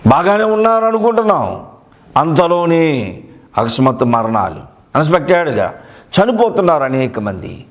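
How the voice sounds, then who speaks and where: A male pastor delivers a sermon in a notably high voice. He is emphatic and repeats key phrases to drive them home. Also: very animated, moderate pace, pauses often.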